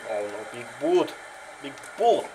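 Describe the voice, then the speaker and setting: A man doing excitable wrestling commentary over a video game, repeating exclamations and move names and swearing casually. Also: medium pitch, slow pace, background noise.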